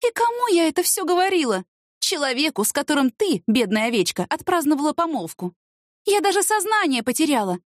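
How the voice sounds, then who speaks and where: A sharp-tongued woman friend scolds and exclaims in a high, wildly swooping voice, as a woman reader puts her on. She lectures with sarcasm, all spoken close and dry with no room around it. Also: sing-song, fairly quick, no echo. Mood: scolding. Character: brisk, scolding woman friend who works in the courts.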